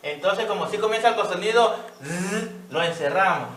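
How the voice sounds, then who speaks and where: A man with an Ecuadorian Spanish accent teaching young children to read, speaking slowly and patiently and sounding out words. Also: sits high, fairly bright tone, distant mic, a little hiss or hum. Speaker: primary school teacher. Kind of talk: online reading lesson for young children. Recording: echoey room, voice a little off-mic.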